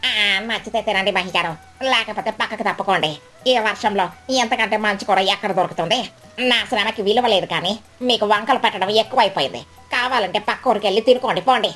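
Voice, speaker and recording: A greedy crow cook from a cartoon story talks brash and haughty in a plain middle pitch, as a woman puts her on. She sounds full of herself and dismissive of every complaint, with faint music under the voice. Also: normal speed, a bit bright, close to an everyday voice. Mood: scornful. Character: greedy, boastful crow who sells curry.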